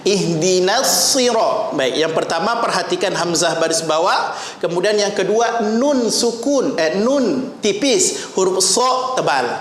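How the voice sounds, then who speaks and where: A man with an Indonesian accent teaching Quran recitation, slowly and patiently repeating each sound for his students. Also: high-pitched, expressive. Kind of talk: tajwid lesson, demonstrating recitation. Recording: roomy echo with faint noise.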